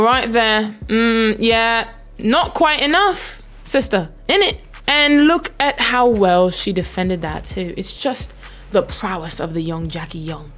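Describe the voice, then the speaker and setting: A woman's voice: mid-range voice, fairly bright tone. A woman hosting her own channel, giving playful, joking commentary over basketball footage and slipping into mock slang. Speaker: host analyzing basketball footage.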